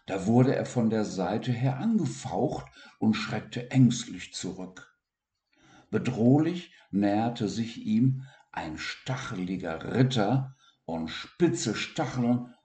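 A man reading a children's story aloud in a calm, expressive narrating voice. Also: lowish voice. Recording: roomy echo.

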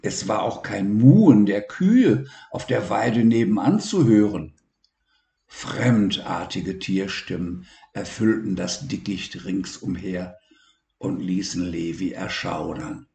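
A male narrator reading a children's story slowly and deliberately. His voice is low and gravelly, and the room adds a clear echo. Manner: slow, calm and deliberate.

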